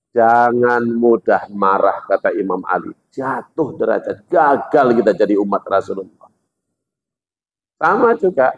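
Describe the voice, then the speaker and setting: A man preaching a humorous sermon at a mosque gathering, telling stories and acting out characters. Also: mid-range voice. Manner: joking, animated, acts out characters. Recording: dull lo-fi sound.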